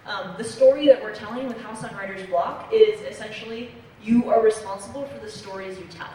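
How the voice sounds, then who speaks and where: A woman's voice: medium pitch, brisk, warm tone. A young woman from Belgium speaking on a comics convention panel, explaining earnestly with many fillers. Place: convention hall. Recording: echoey hall, distant mic, noisy.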